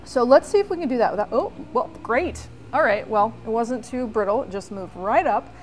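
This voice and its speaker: A woman hosting a hands-on workshop tutorial, walking through each step slowly with frequent "um" pauses. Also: fairly high pitch, expressive, soft background music. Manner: explains step by step with many "um" pauses. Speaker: vlog host.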